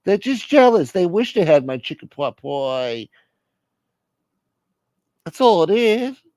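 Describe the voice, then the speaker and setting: A fed-up middle-aged mob son, as a man puts him on in a comedy bit, whining in a strained voice pitched well above his own. The sound is dry and close. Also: very animated, slow, a little mellow, dry recording, heavily acted. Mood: exasperated.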